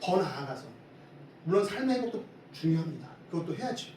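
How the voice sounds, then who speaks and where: A man preaching a Sunday sermon as pastor, lively and often asking the congregation questions. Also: fairly high pitch, fairly quick. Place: church sanctuary. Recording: echoey hall from far off, faint hiss.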